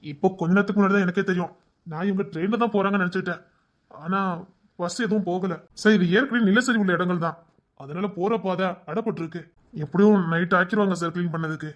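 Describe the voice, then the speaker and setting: A voice actor performing an audio drama, talking in a quick, urgent and reassuring way. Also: medium pitch, muffled recording.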